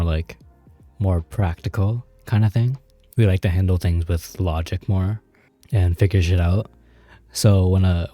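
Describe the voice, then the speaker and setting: Low, very dark-voiced man vlogging. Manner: rambling, loose, full of "like" and "you know" fillers; laughs at himself, informal with swearing. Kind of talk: casual advice talk to camera.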